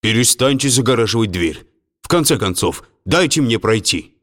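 A man's voice: deep voice, moderate pace. A man playing a jumpy, flustered lawyer. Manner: flustered and jumpy, dropping into whispers. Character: nervous middle-aged male factory lawyer.

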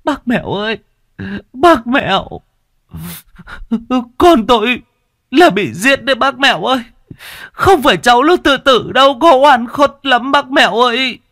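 A man's voice: expressive, a little slow, bright, forceful tone, dry recording, studio quality, exaggerated voice. A man voicing a grieving middle-aged village mother who sobs and wails as she pleads. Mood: desperate pleading. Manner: high keening cries, pleading and lamenting. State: sobbing, wailing.

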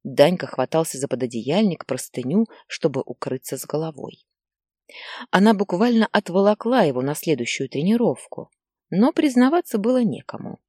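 A woman narrating a story in an expressive, dramatic reading style. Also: on the low side, moderate pace, breathy edge, no room sound, clean studio sound.

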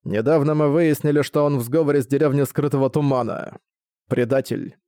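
A cold, scheming old ninja commander, as a male audiobook reader puts him on, speaking evenly with an icy edge. The voice is mellow and low-key, recorded dry and close. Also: steady tone, a little fast, dry recording, close to an everyday voice. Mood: cold, level. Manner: level, icy delivery.

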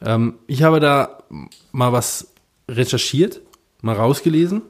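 A man's voice: medium pitch, measured pace. Guy on a podcast, chatty, lots of ähs and restarts, getting worked up. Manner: animated storytelling, many fillers and restarts. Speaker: podcast co-host. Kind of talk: casual chat.

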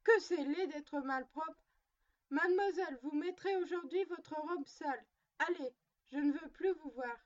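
Little girl playing mother, voiced by a woman, stern, scolding, high-pitched, muffled recording. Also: a little slow.

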